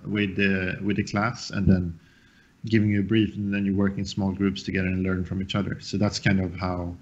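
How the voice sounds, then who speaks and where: A man's voice: deep voice, flat delivery, moderate pace, a little mellow, lo-fi sound. A man from Sweden, a guest on a live show, chatting casually and loosely with fillers and restarts. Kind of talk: casual podcast chat.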